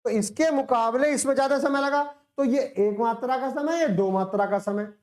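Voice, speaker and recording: A woman teacher with a high voice gives a classroom lecture. She explains step by step, asks questions and answers them herself, and stretches out sounds to show them. The room is echoey. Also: moderate pace, a little mellow. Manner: demonstrates sounds by drawing them out.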